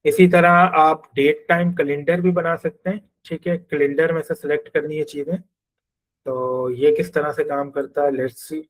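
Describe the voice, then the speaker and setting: A man's voice: on the high side, little pitch movement, measured pace, rough recording. A man with a Pakistani Urdu accent teaching a coding class, explaining each step and thinking aloud as he works through code on screen. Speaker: programming teacher.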